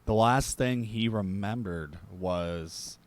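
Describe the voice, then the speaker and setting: A man's voice: lowish voice, slow, a little hiss or hum. A man co-hosting a podcast in casual chat, chiming in with wry joking asides. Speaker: podcast co-host.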